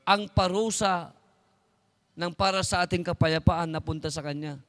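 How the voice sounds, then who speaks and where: A man with a Filipino accent preaching a sermon as pastor, reading scripture slowly and with emphasis as he moves between Tagalog and English. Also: high-pitched, a bit bright, in a large hall.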